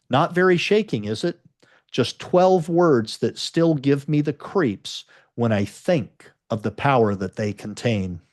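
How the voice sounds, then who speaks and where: A man's voice: mid-range voice, a little mellow. A man reading a self-help book aloud as host, earnest and emphatic, and breaking off for casual comments of his own.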